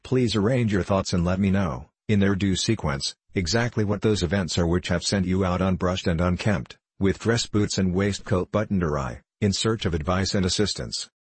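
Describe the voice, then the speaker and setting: A man reading the part of a sharp, bored detective, speaking in a measured, lecturing way with dry irony. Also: low-pitched, slightly rough, no echo. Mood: lofty. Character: sharp, bored male detective, lofty and precise.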